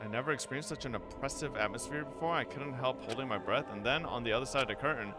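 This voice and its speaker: A man streaming a visual novel, reading its text aloud with wry, profane asides and a low hush for tense narration. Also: quick pace, over music. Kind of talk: reading game text aloud between casual remarks.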